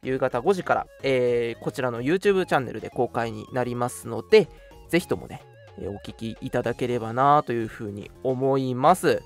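Faint music plays behind this radio host and scriptwriter, whose medium-pitched voice is creaky and expressive at a moderate pace. He delivers courteous announcements on his casual talk show, trading friendly banter along the way.

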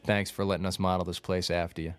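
A man's voice: deep voice, flat delivery, fast, smooth, no echo. A man giving casual, anecdotal film commentary as a filmmaker, close on the microphone. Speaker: filmmaker and screenwriter.

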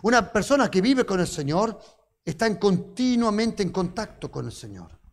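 A man's voice: sits high, big pitch swings, normal speed. A man preaching a sermon, telling stories with rhetorical questions and touches of humor.

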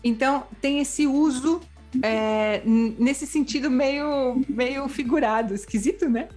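A woman's voice: sits high, takes it slowly, a little mellow, soft background music. A woman explaining language points in casual chat, with frequent tag questions and worked examples. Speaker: Spanish language teacher.

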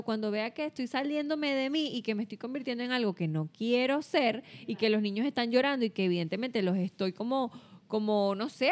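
Advice-giving woman co-host, fairly high voice. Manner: reflective, gives advice in long explanations. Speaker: podcast co-host. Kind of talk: casual chat.

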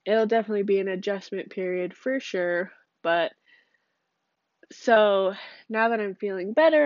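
Recording her casual solo podcast at home, with a fan going in the room, a young woman with a cold and cough rambles and chats, laughing often and saying um and like a lot. Her voice is mid-range and darkish, with no echo and the highs cut off.

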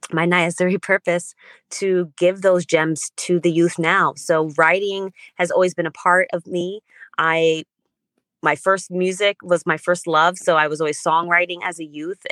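A woman's voice: lowish voice, no echo. A young adult woman, an author, answering podcast interview questions with earnest, flowing enthusiasm. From Germany. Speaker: children's book author, guest.

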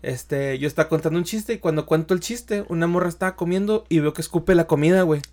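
A young Mexican man, a stand-up comedian, telling stories in a slangy, animated way and acting out what people said. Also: fairly high pitch, fast. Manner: animated storyteller, slangy, acts out quotes. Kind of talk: casual podcast chat.

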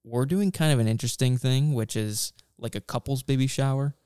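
A man's voice: medium pitch, fairly quick, warm tone, clean tone, no room sound, clean studio sound. A man in his thirties co-hosting a casual podcast chat, laid-back and rambling with restarts. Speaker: podcast co-host, father-to-be.

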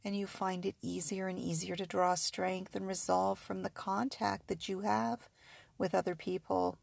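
A woman's voice: medium pitch, little pitch movement, moderate pace, creaky, darkish tone, no echo. A woman narrating guided sleep hypnosis like a sleep story narrator, in a soothing, repetitive, suggestive way.

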